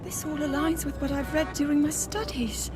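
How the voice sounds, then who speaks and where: Lady acting as a young princess in a game, high soft breathy voice, earnest and bookish, music in the back. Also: fairly even intonation, moderate pace, close to an everyday voice. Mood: studious wonder. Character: young princess scholar, gentle, earnest, eagerly curious. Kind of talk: video game cutscene voice acting.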